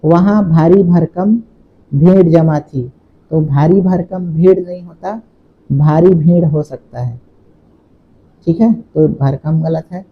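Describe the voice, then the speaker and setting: A man's voice: on the high side, slow pace, husky, muffled recording. A man teaching as an exam coaching teacher, working through multiple-choice questions step by step and repeating the key points. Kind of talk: exam question walkthrough lesson.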